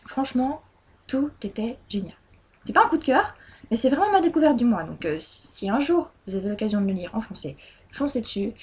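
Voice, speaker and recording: A woman's voice: on the high side, a little hiss or hum. A woman talking casually about the books she read this month, chatty and hesitant, with many fillers and restarts. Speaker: book blogger. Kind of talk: casual monthly reading review.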